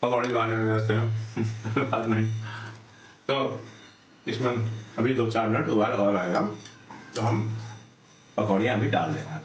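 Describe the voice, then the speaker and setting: Low-voiced man chatting while cooking. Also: measured pace, pauses often, roomy sound, lo-fi sound, slight background noise. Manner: chatty, mixes Hindi with English phrases, sings snatches while cooking. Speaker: vlogger cooking at home. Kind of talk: casual cooking vlog chat. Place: home kitchen.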